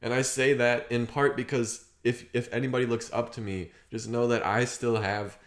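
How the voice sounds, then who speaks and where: A man talking through his feelings in a rambling, halting, reflective monologue, clearing his throat often and swearing casually. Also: mid-range voice, flat delivery, fairly bright tone, roomy sound. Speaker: vlogger. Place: outdoors on a property.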